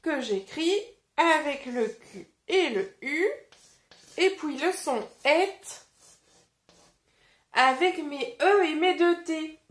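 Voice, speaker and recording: A woman reading a storybook aloud to children and leading a phonics lesson, slow and clearly articulated. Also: high voice, expressive. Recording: roomy echo.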